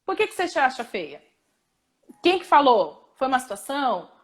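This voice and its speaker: Brazilian woman therapist, high voice, emphatic, repeats her points. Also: sing-song, normal speed. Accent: Brazilian Portuguese. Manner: emphatic, repeats key phrases, asks rhetorical questions. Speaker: therapist and host. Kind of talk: casual panel conversation.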